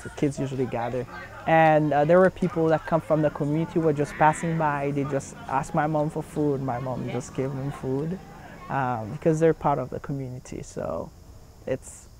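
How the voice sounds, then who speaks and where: The son of a community center founder, a young Haitian man, speaks earnestly in a documentary interview, often using fillers and restarting his sentences. His voice is on the high side with a darkish tone.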